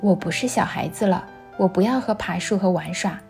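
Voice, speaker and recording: A woman's voice: medium pitch, fairly quick, vocal fry, a little mellow, soft background music, natural voice. A woman voicing a boy who grows into a tired old man in a storybook reading, speaking plainly and wearily. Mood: demanding. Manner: plain, weary.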